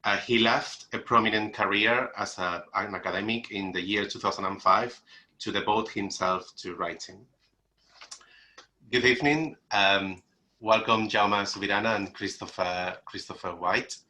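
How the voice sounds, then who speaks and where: A man's voice: lowish voice, normal speed, pushed and bright, slight background noise, low-quality recording. A man hosting an online literary event, introducing guests and asking questions in a hesitant way, often repeating and rephrasing. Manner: hesitant, repeats phrases and gropes for wording. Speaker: event host and interviewer. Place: remote video call.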